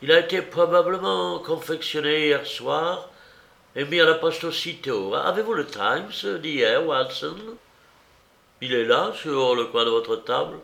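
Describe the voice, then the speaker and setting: Man reading as a clever, eager detective, raised pitch, lively explaining, slow and roomy audiobook sound. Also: creaky. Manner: quick, animated, explaining. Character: brilliant eager male detective, brisk and pleased with himself.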